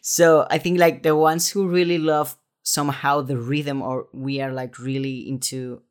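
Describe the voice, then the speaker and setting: A man's voice: mid-range voice, flat delivery, a little slow, clear, resonant tone. A man hosting a casual interview, reflecting aloud with fillers as he thinks. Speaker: podcast host.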